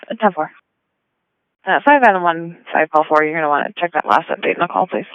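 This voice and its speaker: Role: police dispatcher. Sex: man. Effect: police radio. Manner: clipped radio codes. Pitch: high. Pace: fast. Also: clean tone, no echo. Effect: police radio transmission. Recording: muffled dispatch radio audio.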